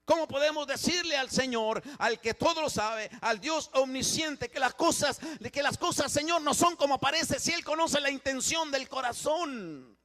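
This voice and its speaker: A man preaching a sermon as pastor in a church, swinging from hushed, quiet passages to loud emphatic ones and often repeating and restarting his phrases. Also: very high voice, moderate pace, few pauses.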